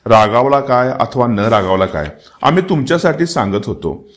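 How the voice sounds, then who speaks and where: A man's voice: medium pitch, animated, normal speed, natural voice. A man voicing a dying old king, stern and emotional. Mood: grave. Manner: emotional, rising to pleading and commanding outbursts. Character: dying old king, weary yet commanding, grieving. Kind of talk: dramatic reading of a historical novel.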